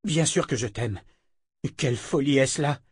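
A man's voice: medium pitch, normal speed, husky, dry recording. A man voicing a young male swordsman, earnest and stubborn, close to his own reading voice in an audiobook.

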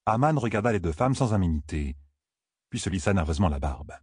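A man narrating an audiobook in a measured, even way on a close studio mic. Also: sits low, slightly rough, dry recording. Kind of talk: scripted narration.

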